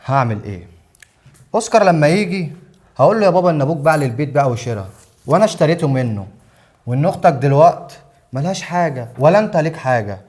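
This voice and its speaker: A man's voice: on the high side, expressive, quick pace, darkish tone, lightly acted. A man playing a smug Egyptian schemer. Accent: Egyptian Arabic. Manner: smug and plotting. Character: sly, manipulative young husband. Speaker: scheming husband. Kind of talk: web drama acting.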